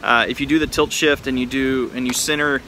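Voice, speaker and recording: Showing off vintage cameras to the camera, an American man from Texas talks informally from his backyard beside a pool, with faint outdoor noise behind him. His medium-pitched voice is bright and forceful, with fairly even intonation and a fairly quick pace.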